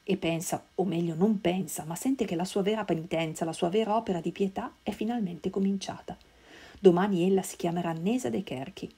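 A woman reading a literary novel aloud in a measured, solemn way. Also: fairly low pitch, dark tone, breathy edge. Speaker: reader.

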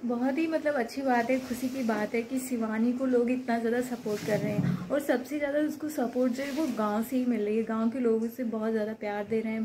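A woman's voice: a little high, dark tone, slight background noise, low-quality recording. A woman vlogger, giving her opinion in a casual, emphatic and indignant way, repeating her points. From Uttar Pradesh, India.

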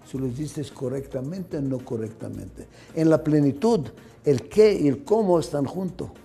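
A man's voice: a little high, animated, normal speed, creaky, mellow. An older man giving a management lecture, emphatic and repetitive, asking rhetorical questions, with slightly non-native grammar.

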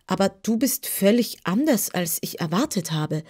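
A woman's voice: mid-range voice, animated, normal speed, darkish tone, husky. Woman voicing Jim, a boastful old cab horse. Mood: indignant. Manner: pompous, lecturing.

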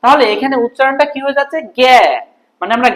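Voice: high-pitched, very fast, fairly bright tone, low-quality recording. A teacher, explaining a grammar lesson step by step and answering their own questions.

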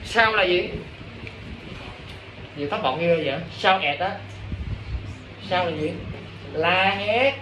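A man's voice: sits high, pushed and bright. A man teaching a class, coaxing students and asking again and again whether they understand. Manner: coaxing, repeatedly checks understanding. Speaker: English teacher. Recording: roomy, distant classroom recording with noise.

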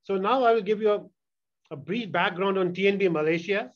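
A sales executive delivers a keynote over a video call from an indoor room, his fairly high voice brisk and lo-fi through a webcam mic. He walks through his slides in a steady, explanatory way, with occasional restarts.

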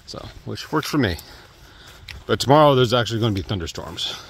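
Rambling low-voiced man hiking outdoors. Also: lively intonation, brisk, a little hiss or hum. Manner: rambling, trailing off with fillers. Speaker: thru-hiker vlogger. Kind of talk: casual trail vlog. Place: outdoors on a wooded trail. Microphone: earbud mic, phone at arm's length.

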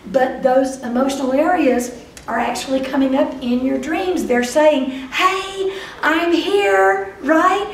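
An older woman with a Texas accent gives a lively, chatty lecture in a meeting room before a whiteboard, addressing the live audience directly and acting out the voices of dreams. Her voice sits high and her pace is slow. A far camera mic picks her up from afar, with roomy echo and a little hiss or hum.

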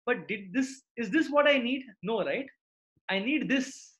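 Extremely high-pitched, expressive and fairly bright, a middle-aged South Indian-accented man takes his time leading a live online maths lesson. He keeps checking that students understand by using tag questions.

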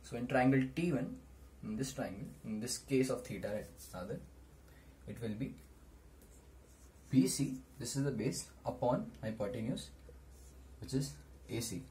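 A young man gives a maths lesson in a mid-pitched voice. He explains step by step in short, deliberate phrases. The camera microphone picks up faint noise in a small room. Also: animated, dark tone. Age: teens to young adult. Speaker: maths tutor. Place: small room indoors at a whiteboard.

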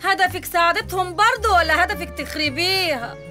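A woman with an Egyptian Arabic accent playing the husband's meddling, sharp-tongued mother in a comic radio drama. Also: very high-pitched, faint music behind. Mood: needling. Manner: rapid, needling remarks.

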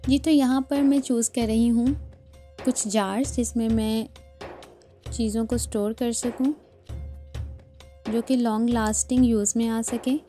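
A woman calmly narrating her shopping vlog as a voice-over. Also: on the high side, measured pace, long pauses, soft background music. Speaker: vlogger.

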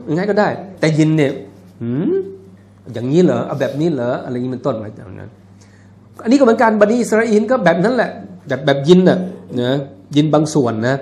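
In a mosque hall, an Islamic lecturer with a high-pitched, slightly mellow voice gives a religious lecture. He keeps it conversational with jokes and asides, and chants passages of scripture.

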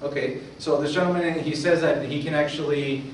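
A man emcees a community tech meetup, talking casually and informally to the crowd and repeating audience questions for the room. His voice is a little high and brisk with fairly even intonation. The sound comes from far off in an echoey room with faint noise.

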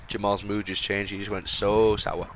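A man's voice: on the low side, level tone, moderate pace, a little hiss or hum. A man hosting casual gameplay commentary, joking crudely with his friends. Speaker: gamer host.

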